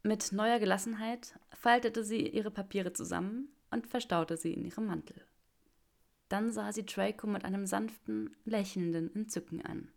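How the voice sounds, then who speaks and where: A woman reading a translated fan story aloud in a calm, measured storytelling manner. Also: mid-range voice, gravelly. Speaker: narrator.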